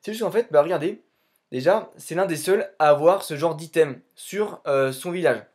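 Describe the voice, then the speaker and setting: A young French man with a slightly high, somewhat mellow voice speaks at a moderate pace while giving casual, improvised gaming commentary as a YouTuber who investigates game clans. He rambles and keeps repeating "tout simplement."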